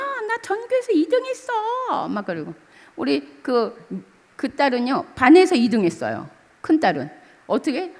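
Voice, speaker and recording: A woman's voice: fairly high pitch, big-room sound. A middle-aged woman pastor preaching a sermon, telling a story and asking the congregation for amens. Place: church sanctuary.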